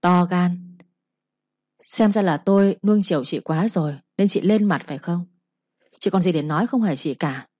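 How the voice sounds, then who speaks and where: A woman voicing a cold, domineering old mother-in-law who speaks slowly and cuttingly. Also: fairly low pitch, lively intonation, warm tone, breathy edge, no echo, highs cut off. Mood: icy.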